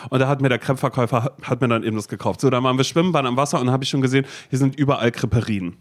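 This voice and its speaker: A man's voice: mid-range voice, fairly even intonation, very fast. A young man hosting a casual podcast chat, telling a self-mocking story full of fillers and restarts. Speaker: podcast host.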